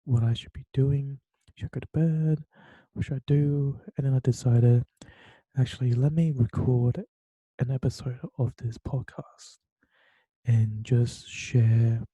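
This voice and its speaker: This is a solo late-night podcast monologue by a young man from Taiwan, recorded in his bedroom, where he stumbles through fillers and restarts. His medium-pitched voice sounds warm and slightly rough. The sound is dry and has a dull, lo-fi quality.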